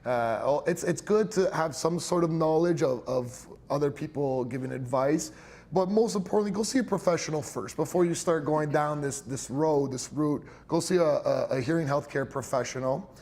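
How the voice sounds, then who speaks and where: In a slightly high, darkish voice at a moderate pace, a young hearing care professional with Italian roots talks about his clinic. It's interview-style and explanatory, delivered casually with frequent fillers and little bursts of laughter.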